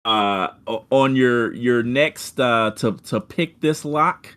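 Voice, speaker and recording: A man runs a tabletop role-playing session as game master, describing the scene at a slow, unhurried pace. His narration is halting, full of fillers and restarts. His voice sits in an ordinary middle register. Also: mid-range voice, fairly bright tone, clear, resonant tone.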